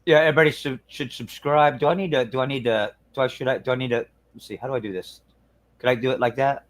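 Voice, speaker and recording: A man hosts a live stream, chatting casually with viewers in crude, profane banter and mumbling to himself while he clicks around and fiddles with the screen. His voice is mid-range with fairly even intonation and a quick pace.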